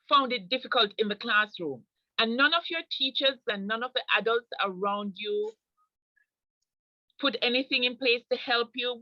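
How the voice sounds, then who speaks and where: Woman interviewer, recaps the guest's answers, fairly high voice, dry dull audio. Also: no room sound. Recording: dull lo-fi sound.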